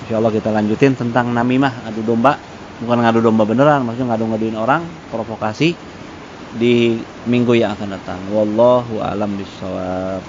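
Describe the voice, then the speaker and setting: Male religious teacher, relaxed conversational lesson with Arabic recitation; muffled lo-fi recording. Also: on the low side, brisk. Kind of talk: casual religious study lesson. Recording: dull lo-fi with faint noise.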